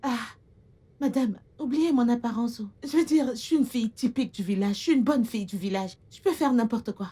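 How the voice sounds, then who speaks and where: A woman's voice: fairly high pitch, brisk, dark tone, breathy edge. An eager young village girl. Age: young adult. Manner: eager, grateful, deferential. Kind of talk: dubbed film acting.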